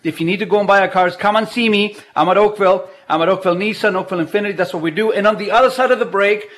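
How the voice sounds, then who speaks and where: High-voiced chatty radio host man. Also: very fast, fairly bright tone. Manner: chatty, jokey, laughs often. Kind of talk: casual live radio talk. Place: at home. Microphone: video call.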